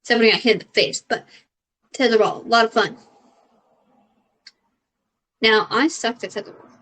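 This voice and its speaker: A woman's voice: a little high, steady tone, moderate pace, fairly bright tone, poor audio. A young adult woman, a comedian, chatting casually as she answers questions, rambling with lots of fillers and casual swearing. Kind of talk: casual chat.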